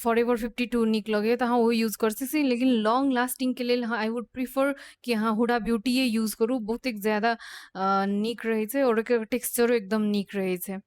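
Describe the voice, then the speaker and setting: A woman's voice: fairly high pitch, steady tone, moderate pace, no room sound. A woman who teaches makeup. She gives a beauty tutorial and hesitates often, mixing English phrases into her speech. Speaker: makeup instructor.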